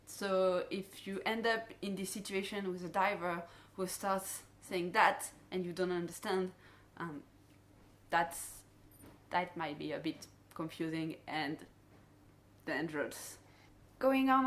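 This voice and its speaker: This lowish female voice, carrying a slight hiss or hum, belongs to a dive guide and instructor with a French accent. Addressing the divers directly, she explains safety procedures in an instructional briefing, her English phrasing clearly non-native.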